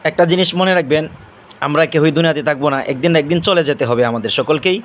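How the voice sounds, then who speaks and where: A man teaching pronunciation, drawing out each letter sound slowly and patiently explaining where in the mouth and throat it is made. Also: a little high, a bit bright. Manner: slow, drawn-out drilling of letter sounds. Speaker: Arabic teacher. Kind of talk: pronunciation lesson.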